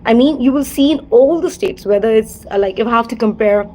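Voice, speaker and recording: This livestream host is a woman with an Indian English accent whose voice is fairly high, brisk, and a touch mellow. Her casual monologue is discursive and packed with fillers and repeated set phrases. A faint hiss or hum runs under the audio.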